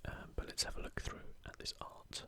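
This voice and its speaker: Whispering softly and slowly from start to finish, a video host delivers an ASMR presentation to the audience.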